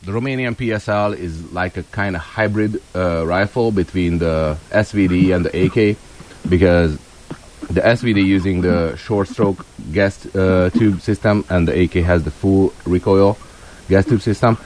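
Hungarian man, low mellow voice, ex-soldier expert guest on a call-in show, halting English. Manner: halting non-native English, searching for words.

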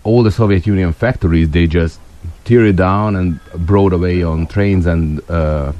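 Hungarian man, low mellow voice, ex-soldier expert guest on a call-in show, halting English. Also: lo-fi sound. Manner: halting non-native English, searching for words.

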